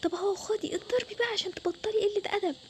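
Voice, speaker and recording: A woman's voice: extremely high pitch, racing, slight background noise. A young woman voicing a strict, short-tempered mother who scolds and threatens her children, speaking with an Egyptian Arabic accent. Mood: scolding. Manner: scolding, loud, harsh. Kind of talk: storytelling with toy game figures.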